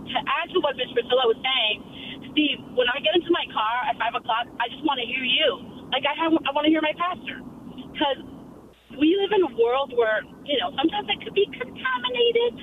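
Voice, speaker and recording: A high, earnest voice comes through a clipped, tinny phone line, sounding a little distant from the handset. Steady car noise hums underneath as the caller speaks gratefully to a radio host. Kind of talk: casual call-in comment.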